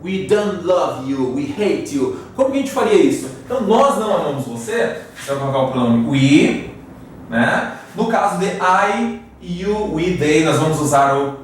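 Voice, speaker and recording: Brazilian male English teacher, higher voice, patient and explanatory, echoey distant room sound. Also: slight background noise. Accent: Brazilian Portuguese. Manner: slow, careful English example sentences; frequent "tá?" and "né?" check-ins. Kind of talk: classroom grammar lesson. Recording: very echoey room, voice far from mic.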